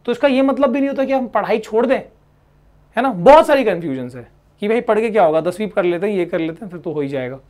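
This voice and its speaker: A man's voice: high voice, expressive, quick pace, darkish tone. Chatty man teaching students. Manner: conversational, often adds tag questions, acts out students' worries. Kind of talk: motivational talk to students.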